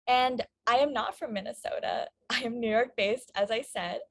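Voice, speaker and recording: A woman's voice: a little high, normal speed, a bit bright, no room sound. A woman from Vietnam, a playwright, talking about her work in a friendly way with many fillers. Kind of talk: interview talk.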